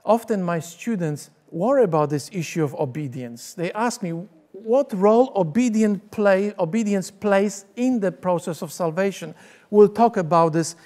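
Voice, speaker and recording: Wearing a lapel mic on a church stage with a curtain behind him, a middle-aged pastor and teacher from Poland delivers a sermon in a Polish accent. He speaks at normal speed in a high, darkish voice, storytelling earnestly and gesturing with both hands.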